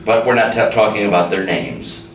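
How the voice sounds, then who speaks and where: A man's voice: on the low side, fairly even intonation, brisk. A man hosting a conversational interview, putting questions in a careful, deferential, hesitant way. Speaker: show host. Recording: roomy, distant mic with clear background noise.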